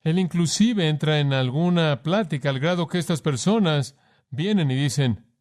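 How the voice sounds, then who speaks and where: A man's voice: a little high, normal speed, a little mellow. A man preaching a sermon with emphasis, addressing the listener formally and asking rhetorical questions.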